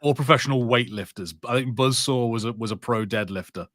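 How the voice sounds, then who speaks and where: Talking a little fast in a fairly bright, medium-pitched voice, a man co-hosting a podcast jokes and swears freely through a casual watch-party conversation about films. The recording is dry, with clean studio sound.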